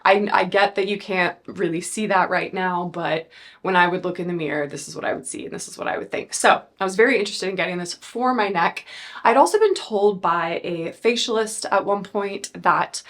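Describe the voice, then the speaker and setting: Woman in her 30s rambling about beauty gadgets, kinda low voice, lots of likes and ums. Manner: chatty, rambling with fillers and self-corrections. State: a bit out of breath. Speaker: beauty vlogger. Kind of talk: casual product review.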